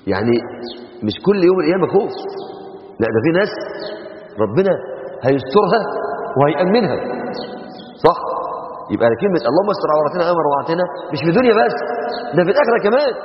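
A man with an Egyptian Arabic accent preaching a sermon, animated and emphatic, drawing out his recitations of scripture. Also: sits high, very fast, pauses often. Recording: echoey hall, dull lo-fi sound.

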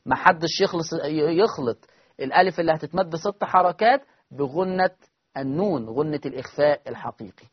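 A man with an Egyptian accent teaching a Quran recitation lesson, explaining step by step, asking his listeners questions and demonstrating sounds with slow drawn-out recitation. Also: on the high side, lively intonation, husky, no room sound, highs cut off. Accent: Egyptian Arabic.

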